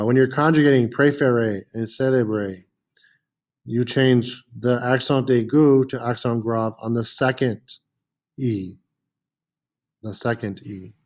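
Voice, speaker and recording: A man teaching a French lesson, patiently repeating words with frequent "uh" fillers. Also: medium pitch. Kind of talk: classroom lesson.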